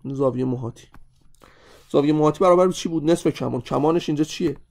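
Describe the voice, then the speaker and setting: A man teaching an exam-review math lesson, animated and constantly addressing his students directly. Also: on the high side, vocal fry.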